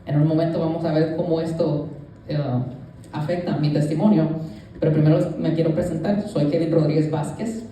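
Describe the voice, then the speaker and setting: Dark-voiced man in echoey church. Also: fairly high pitch, fairly even intonation, moderate pace, a little hiss or hum. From Puerto Rico. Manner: earnest, conversational, addressing listeners directly. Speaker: youth leader giving a church testimony. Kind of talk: personal testimony to a congregation. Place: church sanctuary. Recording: echoey church hall, voice from a distance.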